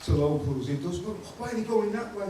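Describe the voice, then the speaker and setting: A man in the audience asking a question in a halting, hesitant way, chuckling as he goes. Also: sits high, lively intonation. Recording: very echoey hall from far off, noise.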